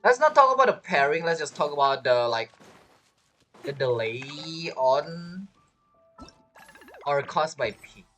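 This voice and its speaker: This game streamer is a woman whose English is not her first language; her low, slightly bright voice is animated yet a little slow, with long pauses. She chats casually in a rambling, hesitant way, looping back and repeating phrases. Game music and character voices play in the background.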